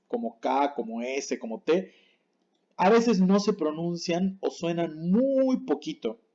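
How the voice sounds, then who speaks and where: A man teaching a pronunciation lesson over a dull, lo-fi recording, his voice mellow and a little higher than most men's. He is patient, repeats each word slowly to set right against wrong, and keeps checking in with his viewers. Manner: checks in with the class often. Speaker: language teacher. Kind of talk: explaining Japanese pronunciation on screen.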